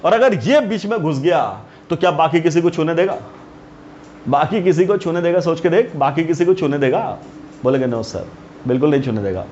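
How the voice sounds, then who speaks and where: A man's voice: on the high side, moderate pace, darkish tone. Questioning man teaching a class. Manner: keeps asking the students questions; calls students "beta". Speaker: chemistry teacher. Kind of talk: classroom lecture. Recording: dull lo-fi recording, faint hiss.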